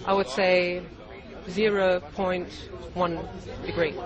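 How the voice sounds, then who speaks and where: A man from Norway, answering in a hesitant, halting way during a street interview. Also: high voice, little pitch movement, muffled recording. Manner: hesitant, halting, searching for words. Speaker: campaigner being interviewed. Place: outdoors in a busy city street. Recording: street recording with crowd noise.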